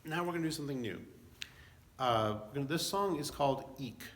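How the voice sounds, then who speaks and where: A man's voice: medium pitch, lively intonation, brisk, fairly bright tone, slight background noise. A man teaching a beginner violin lesson online, explaining patiently step by step and chanting a children's rhyme in a sing-song way. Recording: violin plucking behind the voice.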